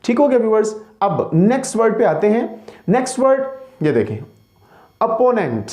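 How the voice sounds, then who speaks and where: A man's voice: high-pitched, sing-song, a little fast, warm tone. A man who teaches English pronunciation, patiently repeating each word and checking in with his viewers. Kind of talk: slide-based language lesson.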